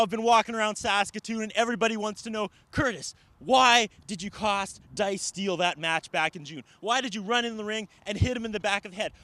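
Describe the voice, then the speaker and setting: Male wrestler for promo: high, forceful voice, indignant, emphatic phrasing. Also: dry recording. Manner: emphatic, indignant, rhetorical questions.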